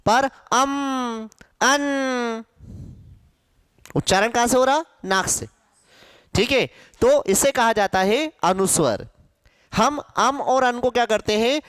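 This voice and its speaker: Slow, lively-pitched man teaching a class. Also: dry recording, studio quality. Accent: Hindi, from central India. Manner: asks questions and answers them himself, repeating sounds slowly. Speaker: Hindi teacher. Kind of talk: classroom grammar lesson.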